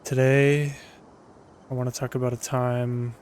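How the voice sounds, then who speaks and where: A man hosting a sleep channel, talking through a relaxing game in a deliberately flat monotone with dry asides. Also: mid-range voice, slight background noise. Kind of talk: quiet game commentary with storytelling. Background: game music.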